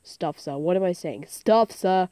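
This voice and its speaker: A teenage girl hosting a gaming channel chatters through casual let's-play commentary, giggly and hyper, with plenty of "like" fillers. Her voice sits on the low side with a dark tone and a measured pace. Though made with a phone's screen-recording mic, the audio sounds clean and studio-like, with no room sound.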